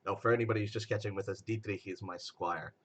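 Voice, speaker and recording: A man's voice: lowish voice, fairly even intonation, fast talker, a bit bright, slight background noise. A man playing a tabletop game, playful and stumbling as he talks in character. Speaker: player.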